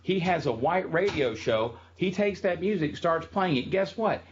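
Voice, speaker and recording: A man's voice: on the high side, normal speed, dull audio, a little hiss or hum. A man giving a casual classroom lecture on music history, telling stories in a chatty way with frequent ums.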